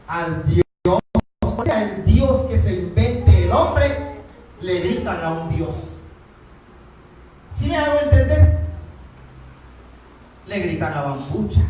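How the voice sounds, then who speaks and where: Pastor preaching in echoey hall. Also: male voice, high voice, a little mellow, slight background noise. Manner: asks the congregation rhetorical questions. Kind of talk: sermon. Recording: echoey church hall from far off.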